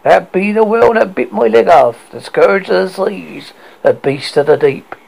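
A man's voice: high-pitched, lively intonation, moderate pace, vocal fry, husky, voice pushed up, exaggerated voice. A man doing a grizzled old sea captain. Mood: gruff insistence. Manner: pirate-style grammar, loud and wild.

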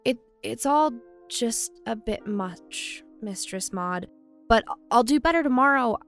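A man voicing a meek, timid young woman student who speaks in a hesitant, halting, apologetic way. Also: very high voice, lively intonation, fairly bright tone, faint music behind, voice pushed up, heavily acted. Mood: meek flustered.

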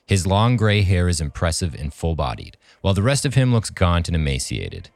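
Low-voiced man narrating a script, lively. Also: normal speed, vocal fry, no room sound. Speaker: podcast host, narrator.

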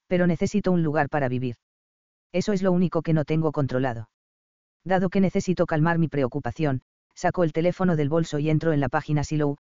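A man calmly narrating an audiobook of a romance novel. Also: fairly high pitch, clear, resonant tone, dry recording. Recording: dull, dry audiobook recording.

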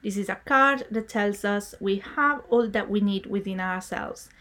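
A woman hosting a podcast with scripted narration, in a girlish anime-girl voice and a perky, excitable manner. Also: mid-range voice, moderate pace. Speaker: podcast host.

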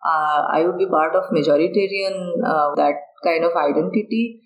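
A woman's voice: deep voice, normal speed, poor audio. A woman from Bangladesh, a researcher being interviewed, who talks hesitantly with many fillers and restarts. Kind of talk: podcast interview. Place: on a university campus.

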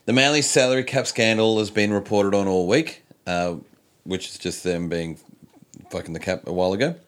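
A man's voice: fairly low pitch, normal speed. A man, a co-host of a casual sports podcast, telling stories and swearing freely.

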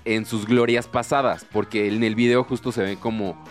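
A man with a Mexican accent co-hosting a show, chatting casually and colloquially about entertainment news in an animated way. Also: on the low side, moderate pace. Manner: animated, colloquial, acting out quotes. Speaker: co-host of an entertainment talk show. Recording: faint music behind the voice.

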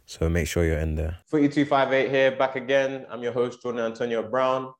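A man's voice: medium pitch, a little fast. A man hosting a casual interview chat in a laid-back, slangy way. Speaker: podcast host, former academy footballer.

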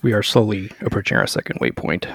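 Brief: a man as a blunt, wary crewman, low and rough. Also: sing-song, fast, fairly bright tone, no room sound, studio quality, exaggerated voice.

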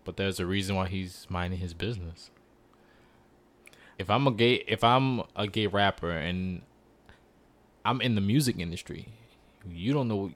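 A young man with a low voice co-hosts a casual podcast. He talks in a laid-back way, often hesitating and starting over. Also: moderate pace, pauses often. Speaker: podcast co-host.

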